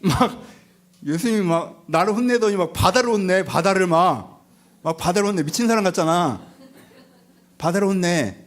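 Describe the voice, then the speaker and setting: A male pastor giving a lively, conversational sermon, telling the story with rhetorical questions and acting out the people in it. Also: high voice, moderate pace, long pauses. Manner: animated storytelling, acts out disciples and Jesus, rhetorical questions. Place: church sanctuary.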